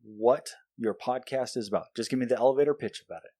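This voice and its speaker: A man's voice: medium pitch, quick pace, warm tone. A man hosting a podcast in a casual, playful chat with guests. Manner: playful, joking. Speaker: podcast host.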